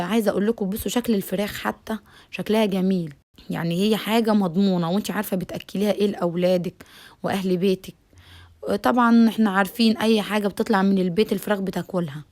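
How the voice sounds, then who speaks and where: A fast-talking Egyptian woman walks viewers through a home recipe in a chatty, familiar way. She keeps checking in with her audience and keeps the talk moving at a quick clip. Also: medium pitch, darkish tone. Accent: Egyptian Arabic. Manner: chatty, repeats "tamam" often, addresses viewers directly. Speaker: cooking channel host. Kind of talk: home cooking tutorial.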